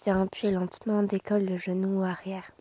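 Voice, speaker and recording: A woman yoga teacher guiding a class in a soothing, gentle, slow manner, with a soft, breathy voice that often nears a whisper. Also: mid-range voice, flat delivery, no echo. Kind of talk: guided yoga instruction.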